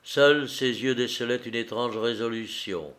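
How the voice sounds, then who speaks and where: A man narrating a literary story in a measured, dramatic reading. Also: mid-range voice, fairly bright tone. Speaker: audiobook narrator.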